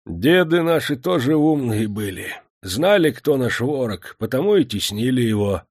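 A man voicing an old bearded fisherman who speaks in a slow, brooding way. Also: medium pitch, big pitch swings, a little mellow, no room sound, clean studio sound. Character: old bearded fisherman, bitter toward the lords.

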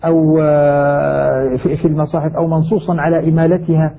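A man explains the rules of Quranic recitation, moving quickly through his points and circling back to repeat key words. His voice is husky and set a little high. It comes through a tinny, phone-like line. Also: little pitch movement. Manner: measured, hesitant fillers, repeats key words. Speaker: sheikh teaching Quranic recitation. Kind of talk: scholarly explanation.

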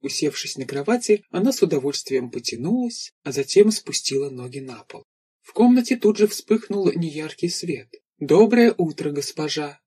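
A man reads an audiobook in steady, measured narration. His voice is husky and breathy and sits somewhat high for a man. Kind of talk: scripted narration.

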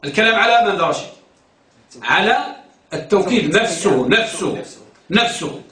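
A man's voice: high-pitched, very animated, normal speed, a crowd in the background. A man teaching a grammar class, quizzing students and repeating their answers, recorded in a classroom. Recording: echoey room, distant mic.

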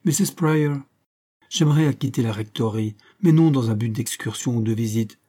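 A man voicing a shy, sad young woman in an audiobook, speaking slowly and wistfully. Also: medium pitch, dark tone, natural voice. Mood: pleading. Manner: slow, wistful, plaintive. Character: timid melancholy young woman.

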